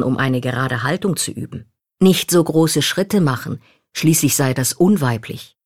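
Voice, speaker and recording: A woman reading a first-person memoir aloud in a calm, reflective manner. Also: sits low, no room sound, clean studio sound. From Poland. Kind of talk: scripted literary narration.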